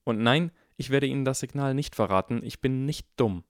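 A man's voice: medium pitch, moderate pace, dry recording, clean studio sound, pitched above the performer's own voice, lightly acted. A man voicing a clever eleven-year-old boy who talks in a cold, icy and precise way in an audiobook. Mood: quick.

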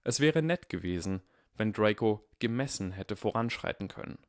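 A man giving a measured, expressive scripted narration of a story. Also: lowish voice, no echo, clean studio sound. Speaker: audiobook narrator.

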